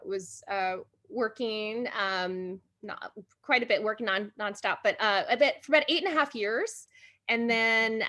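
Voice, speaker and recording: A woman from Hawaii talks as a podcast guest, her voice bright and forward. She rambles warmly through her answers, stopping to restart sentences and laughing often. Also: medium pitch. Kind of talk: casual interview chat.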